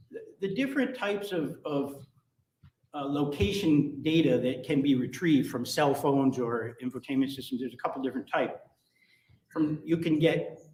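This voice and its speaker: A man giving technical expert testimony in court, measured and halting with frequent ums. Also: a little high, a little mellow. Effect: courtroom recording. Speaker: expert witness on phone and vehicle location data. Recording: echoey courtroom audio from a distant mic.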